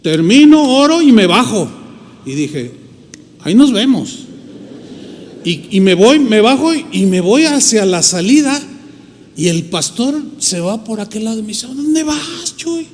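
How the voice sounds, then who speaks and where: A man's voice: high-pitched, sing-song, normal speed. A man with a Mexican Spanish accent, a pastor telling a story in a sermon and acting out the voices of the people in it. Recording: long hall reverb.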